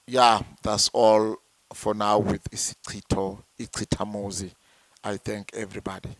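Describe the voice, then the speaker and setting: A man from Zimbabwe, a traditional healer, explaining slowly and deliberately and repeating words as he searches for them. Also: on the low side, little pitch movement. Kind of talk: slow explanatory talk.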